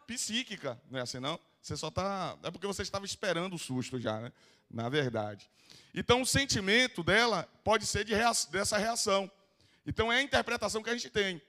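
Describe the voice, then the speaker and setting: A man's voice: sits high, animated, a little fast, sharp tone. A Brazilian man with a Bahian accent, a psychoanalyst giving a live lecture in a council chamber, playfully teasing the audience and calling up volunteers. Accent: Bahian Brazilian Portuguese.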